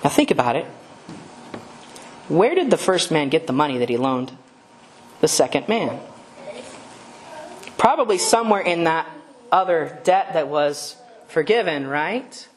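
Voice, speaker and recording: Woman preacher, lowish voice, conversational sermon full of rhetorical questions. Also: big pitch swings, measured pace, pauses often, slight background noise. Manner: conversational, asks rhetorical questions, self-correcting.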